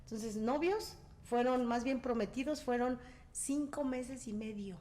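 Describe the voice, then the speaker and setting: Woman in her 30s telling a story, lively, does the voices in the quotes, higher voice. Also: a little slow. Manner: animated storyteller, acts out quoted dialogue. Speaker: guest. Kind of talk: casual testimony.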